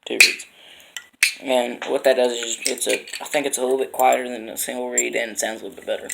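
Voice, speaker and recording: A man giving an informal how-to demonstration as an instructor, explaining in a halting, unpolished way. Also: mid-range voice, level tone, vocal fry, very noisy. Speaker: instructor demonstrating duck and goose calls.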